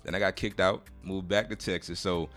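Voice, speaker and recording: A man's voice: deep voice, steady tone, moderate pace, a bit bright, soft background music. A man from Cameroon, a videographer guest on a podcast, talking about his background in a laid-back, reflective way. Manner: laid-back, reflective, frequent "you know what I'm saying". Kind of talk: casual chat.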